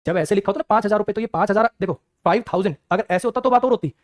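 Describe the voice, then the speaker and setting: Male grammar teacher, quick and high-pitched, scolding and questioning. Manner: brisk, scolding rhetorical questions to students. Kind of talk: exam-prep grammar lecture.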